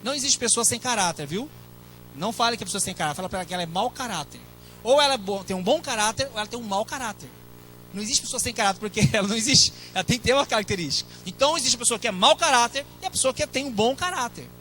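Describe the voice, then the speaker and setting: Brazilian pastor, man, middle-aged; high and bright, chatty sermon with asides to the flock. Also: expressive, rapid-fire, slight background noise, poor audio. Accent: Brazilian Portuguese. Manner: conversational preaching with asides to the congregation.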